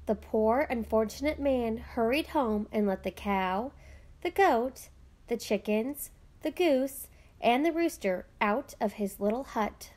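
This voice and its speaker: A woman reads a children's book aloud in a fairly high voice. She takes her time over each phrase, telling the story slowly and expressively. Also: expressive, darkish tone. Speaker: narrator.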